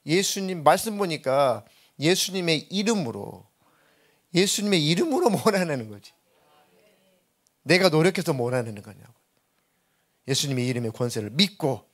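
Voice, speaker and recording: A middle-aged male pastor delivers an earnest sermon. His voice sits a little high for a man. He now and then acts out the voices he quotes. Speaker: senior pastor.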